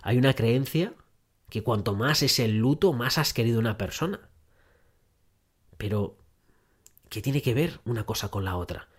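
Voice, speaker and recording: A man hosting an advice podcast, talking straight to the listener in a mid-pitched voice. He hammers his points home with repetition. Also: animated, moderate pace, long pauses, slightly rough. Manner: direct second-person address, repetitive emphasis. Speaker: podcast host. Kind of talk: relationship advice monologue.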